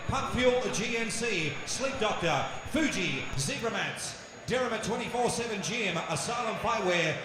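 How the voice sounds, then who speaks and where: A man working as master of ceremonies in a booming, ceremonial boxing ring announcer style, stretching out names and phrases. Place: large indoor fight venue, over PA. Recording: very echoey arena PA, noisy venue.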